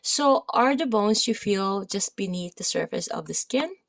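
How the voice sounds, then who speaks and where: A woman with a Filipino accent teaching a massage therapy lesson, reading from a textbook with loud and soft stretches and chatty asides full of fillers. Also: medium pitch, lively intonation, measured pace, gravelly. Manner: reads aloud, then adds loose asides with many fillers; loud reading voice that rises and drops.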